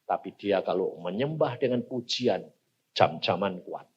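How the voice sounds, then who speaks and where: Man voicing God, low hushed voice, calm, patient, husky, lo-fi sermon recording. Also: unhurried, heavily acted. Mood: calm, gentle.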